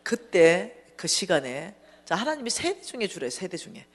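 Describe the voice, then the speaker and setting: A woman giving a lively, humorous testimony sermon in a church, acting out dialogue as she tells the story. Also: on the low side, normal speed. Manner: animated storytelling, acting out dialogue, bursts of laughter. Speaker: church finance lecturer.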